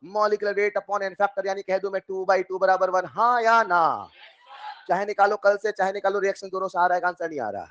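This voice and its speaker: A man, coaxing dear children with question after question. He jumps into loud, animated emphasis on the key points. The sound is dull and lo-fi. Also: high voice, moderate pace. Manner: coaxing, repeats questions to students, calls them dear children. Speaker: chemistry teacher. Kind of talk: online class lecture.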